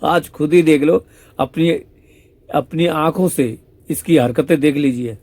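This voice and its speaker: A man's voice: a little high, a little slow, a little mellow, dry recording. A man voicing Radha as a divine young woman complaining indignantly.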